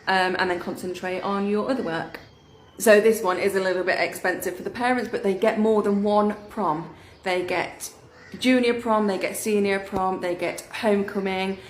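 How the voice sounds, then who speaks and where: A mother calmly explaining how schools work, in the tone of an informative voice-over. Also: mid-range voice. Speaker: parent. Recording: echoey room with faint noise.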